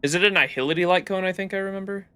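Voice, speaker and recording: Young man streaming a game, bright tense voice, fairly high pitch, excitable, swears, reads quests aloud, faint game music. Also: racing, clean tone. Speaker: livestreamer. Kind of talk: casual gameplay commentary.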